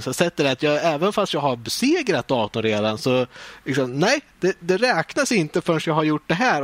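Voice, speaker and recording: A man telling a story in casual chat, lively and animated, swearing freely and acting out scenes. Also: fairly high pitch, dry recording.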